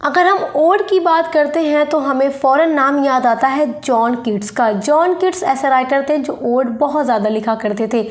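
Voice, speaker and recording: A woman teacher going over exam questions, explaining each point in English and then again in Hindi, reading definitions slowly. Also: high voice. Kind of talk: exam-prep lesson in Hindi mixed with English.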